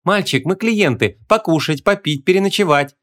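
A man's voice: high-pitched, lively intonation, a little fast, fairly bright tone, pitched above the performer's own voice. Man doing a coaxing young princess. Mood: coaxing polite. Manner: politely coaxing. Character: young princess, polite but capricious.

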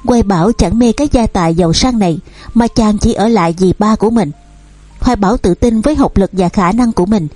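A woman narrating a novel as an audiobook reader, in a steady storytelling manner. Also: medium pitch, brisk, dry recording, faint music behind. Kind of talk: novel reading.

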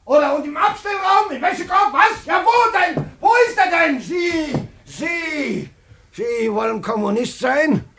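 A spiteful landlord neighbor in an old radio play. His voice is strikingly high and sharp, jumping about in pitch. He sneers and shouts taunts. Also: animated, normal speed, vocal fry, exaggerated voice. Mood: raging. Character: resentful, spiteful landlord neighbor, adult man. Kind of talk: 1950s radio play acting.

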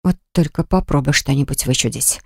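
A woman's voice: fairly quick, gravelly, slightly rough, no room sound, studio quality, exaggerated voice. A reader voicing a stubborn, indignant young woman who is a mother, speaking sharply and defiantly in an audiobook. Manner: sharp, defiant, shrill when upset. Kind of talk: audiobook acting.

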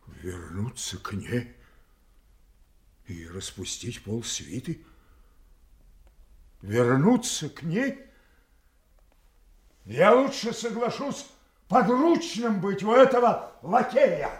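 An actor playing a proud, wounded old king in a classical audio tragedy, declaiming haltingly between hushed grief and thundering rage at his daughters. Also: a little high, very animated. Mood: outraged. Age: older. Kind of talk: Russian classical stage tragedy acting, audio play. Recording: roomy, echoing studio audio play.

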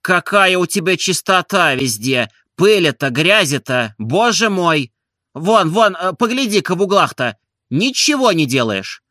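A man voicing an idle, fussy gentleman who scolds his servant impatiently in a storybook reading. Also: a little high, very animated, measured pace, no room sound, studio quality, exaggerated voice. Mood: scolding.

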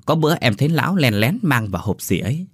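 A man's voice: mid-range voice, sing-song, breathy edge, no room sound, clean studio sound. A man doing a pushy young village thief. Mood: urgent. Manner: urgent, fast, raised voice.

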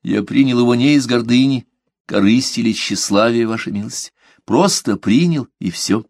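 A man voicing a devout male merchant who answers politely, measured and quietly firm, in an audiobook. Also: mid-range voice, slightly rough, no echo, clean studio sound. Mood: composed. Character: calm devout male merchant under questioning. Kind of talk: audiobook character reading.

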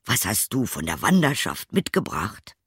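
A man's voice: lowish voice, wildly swooping pitch, normal speed, fairly bright tone, breathy edge, dry recording, full character voice. A man voicing a doubting old tailor father in a fairy tale, dry and plain, then sharply astonished. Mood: calm.

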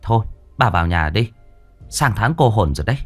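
A man's voice: fairly low pitch, animated, fairly quick, soft background music. A man voicing fussing household servants who coax and reassure their mistress in a spoken ghost story. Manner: coaxing, reassuring.

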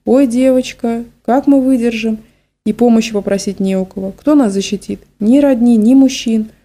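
Woman voicing a middle-aged mother, distraught, pleading, low warm voice. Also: moderate pace, close to an everyday voice. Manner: lamenting, pleading. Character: worried, tearful middle-aged village mother.

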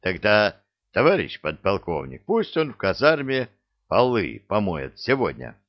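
A man voicing a big, lumbering young soldier who teases in a slow drawl. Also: lowish voice, huge pitch swings, lo-fi sound, exaggerated voice. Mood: teasing.

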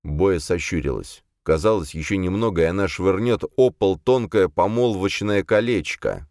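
A man narrating a fantasy novel in an expressive storytelling way. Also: deep voice, normal speed, no room sound, studio quality. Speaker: audiobook narrator.

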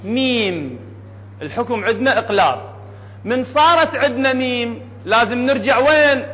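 High-voiced Iraqi man teaching recitation. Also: animated, normal speed. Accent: Iraqi Arabic. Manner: quizzes the audience with rhetorical questions. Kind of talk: classroom tajweed lesson. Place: lecture hall with an audience. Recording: dull, echoey hall recording with faint hum.

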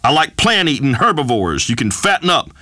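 A blustering macho radio host. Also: male voice, mid-range voice, big pitch swings, brisk, pushed and bright, no room sound. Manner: blustering, pompous pronouncements. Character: boorish macho rural male radio host. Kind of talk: comedic talk radio monologue.

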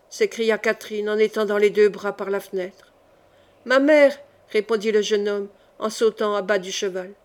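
A woman reading a historical novel aloud as an audiobook, with dramatic delivery. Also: medium pitch. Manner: dramatic reading, raising her voice for shouted lines. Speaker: audiobook reader. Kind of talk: read-aloud audiobook narration.

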